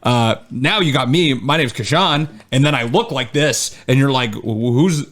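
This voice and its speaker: A man's voice: mid-range voice, moderate pace, a bit bright. Chatty male podcast host. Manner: chatty, with frequent "uh" and joking asides. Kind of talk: casual chat, reading researched history.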